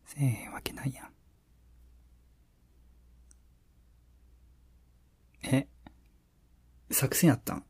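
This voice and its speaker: A man playing a teasing, affectionate young boyfriend murmuring intimate pillow talk in a soft, breathy voice with a Kansai accent. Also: medium pitch, moderate pace, in a whisper. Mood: coaxing, tender.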